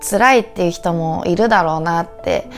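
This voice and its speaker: A Japanese woman with a Japanese accent and a cute, high, anime-like voice, talking earnestly and gratefully to camera as a teacher. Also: normal speed, soft background music. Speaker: Japanese teacher and video creator. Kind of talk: heartfelt talk to camera.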